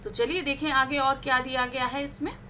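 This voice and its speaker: A woman teaches a grammar lesson. Her voice is bright and a little high, and she draws out each example word before answering her own questions. Faint noise sits under the recording. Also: fairly even intonation, a little fast. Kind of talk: classroom lesson reading word examples aloud.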